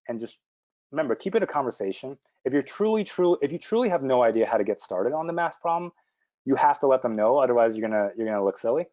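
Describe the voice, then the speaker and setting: A man presenting a live webinar, answering viewer questions quickly and informally, with frequent fillers and restarts. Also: mid-range voice, a little mellow, muffled recording.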